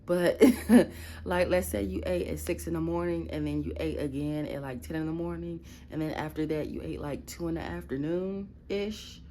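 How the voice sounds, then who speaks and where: A woman's voice: sits low, moderate pace, warm tone, slight background noise. A woman vlogging casually from her bedroom at night, talking bluntly and profanely in a groggy just-woke-up voice, with a Midwestern American accent. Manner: blunt, profane, rambling storytelling. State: groggy morning voice. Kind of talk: casual late-night vlog.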